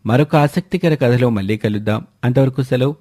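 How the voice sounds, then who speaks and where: A man's voice: mid-range voice, a little fast, mellow. A man narrating a folk story in a scripted storyteller's lilt.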